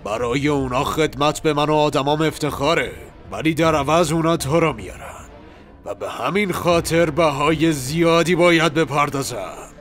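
A man voicing a cruel male bandit villain who speaks slowly and menacingly, drawing out his words. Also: fairly high pitch, fairly bright tone, soft background music, close to an everyday voice. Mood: gloating. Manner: slow, drawn-out, menacing.

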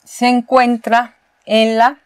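A woman's voice: fairly high pitch, level tone, slow, no echo. A Mexican woman teaching a university spelling lesson, explaining patiently step by step and repeating key words. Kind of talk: recorded spelling lesson at a board.

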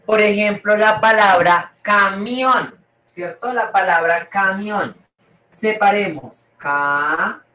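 Slow teacher voice, repeating and checking in, roomy echo, set back from the mic. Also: mid-range voice, bright, forceful tone, recorded from a distance. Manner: repeats and checks with "¿cierto?" and "¿listo?". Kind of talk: online class.

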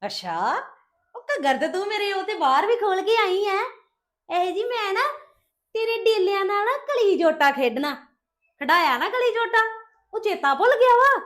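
A woman plays a crafty young wife who needles and scolds the woman she argues with. Her voice sits very high, and her lines come sharp and mocking in a scripted family drama. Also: very animated, moderate pace, heavily acted. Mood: taunting. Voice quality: taunting, scolding delivery. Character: scheming young wife Pooja, boastful and sharp-tongued. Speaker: actor in a family skit.

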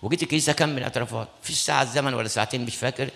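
An Egyptian priest preaching at a very fast clip, with his words tumbling out quickly. His voice sits at an ordinary middle pitch, and he slips into stories, voicing each person in them. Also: vocal fry, a bit bright, slight background noise. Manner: retells conversations, acting out both sides. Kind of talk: sermon with storytelling. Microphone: studio broadcast mic.

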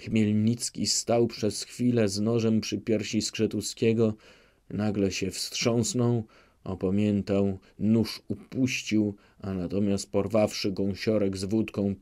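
A man narrating a classic novel as an audiobook, measured and unhurried. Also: lowish voice, dark tone. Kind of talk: scripted literary narration.

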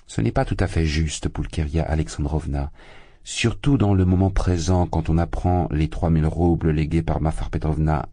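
A smug middle-aged suitor full of himself, his sneers wrapped in pompous turns of phrase, read by a man. The voice is deep, dark and husky. It stays close and dry. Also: normal speed, no room sound. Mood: sneering. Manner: mocking, pompous.

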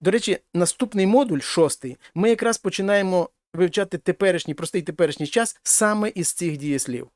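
A man's voice: sits high, fairly quick, hardly any pauses, a little mellow, no room sound, studio quality. A middle-aged man teaching a language lesson, explaining patiently and rephrasing his points. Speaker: Spanish teacher.

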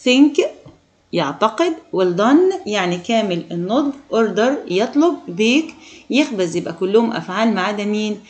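A woman with an Egyptian Arabic accent teaching an English lesson to children, repeating each word slowly and asking the pupils questions. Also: mid-range voice, lively intonation, darkish tone. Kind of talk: classroom lesson explaining vocabulary.

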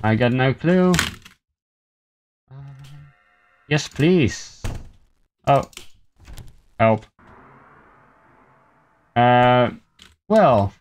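A man giving casual gameplay commentary at home on a desk mic, mumbling and unhurried, with lots of ums and little laughs. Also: mid-range voice, lively intonation, a little mellow, clear, resonant tone. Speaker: gameplay video host. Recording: faint game music behind.

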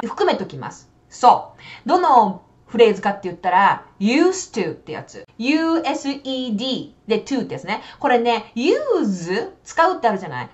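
A woman teaching English in a casual, chatty way, switching between Japanese explanation and slow, carefully spoken English examples. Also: a little high, highs cut off.

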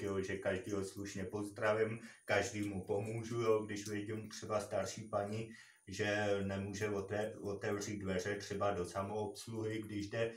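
A man vlogger telling a personal work story in a rambling, repetitive way, full of filler words. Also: lowish voice. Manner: rambling, repeats himself, many filler words. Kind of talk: casual storytelling. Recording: roomy and distant from mic.

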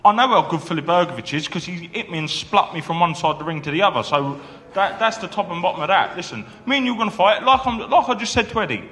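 A man's voice: sits high, lively intonation, fast talker, pushed and bright. A man, speaking as a boxer at a heated press conference, boasting and trash-talking and starting lines with "listen". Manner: boastful trash talk, keeps saying "listen". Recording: echoey hall.

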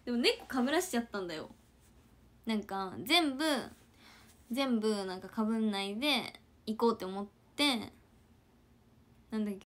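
Woman, casual livestream chat with viewers; chatty, soft murmured asides. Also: a little high, animated, normal speed, pauses often. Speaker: idol trainee livestreamer.

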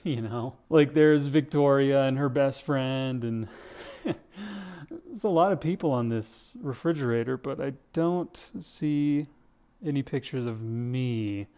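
A man's voice: mid-range voice, slow pace, warm tone. Playful young man touring a kitchen. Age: young adult. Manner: playful, jokey, says "dude" often. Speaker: English teacher vlogger. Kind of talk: casual house-tour vlog. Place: kitchen of a large house, indoors. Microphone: handheld camera, selfie framing.

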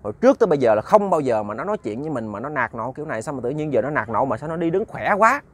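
A man's voice: medium pitch, big pitch swings, rapid-fire. A man voicing a bold but uneasy old village woman who asks fretful questions.

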